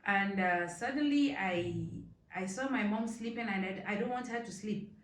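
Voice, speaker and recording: A middle-aged woman from Nigeria tells a story slowly, pausing and searching for words. She sits a little away from the mic, and the room echoes around her. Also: mid-range voice, a bit bright, recorded from a distance. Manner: slow, hesitant storytelling. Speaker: guest. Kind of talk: casual chat.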